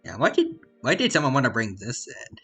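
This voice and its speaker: Bright-voiced man joking through a game stream. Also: medium pitch, huge pitch swings, a little fast, slightly rough. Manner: joking asides, reads chat. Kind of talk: casual gameplay commentary. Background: faint game music.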